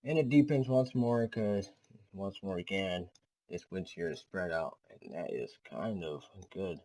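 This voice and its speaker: A man's voice: low voice, unhurried, warm tone, rough recording. A man hosting his own weather channel, walking through a storm forecast casually, hesitant and full of fillers, with a slight stutter. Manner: hesitant, repeats himself, many fillers; self-admitted slight stutter.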